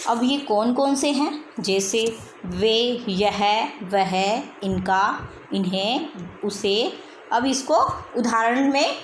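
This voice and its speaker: High-voiced woman teaching in an echoey room. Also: slight background noise. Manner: repeats example sentences slowly, asks and answers own questions. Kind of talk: grammar lesson.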